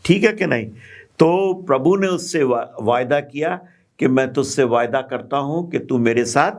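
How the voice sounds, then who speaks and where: A man teaching a group Bible study, explaining passages slowly and patiently, with pauses and fillers. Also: mid-range voice.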